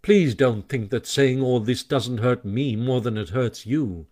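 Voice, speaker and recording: A man's voice: medium pitch, unhurried, darkish tone, lightly acted. A storybook water rat, as a man puts him on, firm and earnest, raising his voice a touch above the narration. He lays down the law kindly, almost apologetic.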